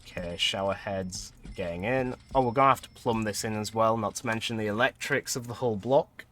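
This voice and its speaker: A man's voice: lowish voice, brisk, a bit bright, slight background noise. A man casually commentating a building game, thinking aloud and laughing often. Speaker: streamer.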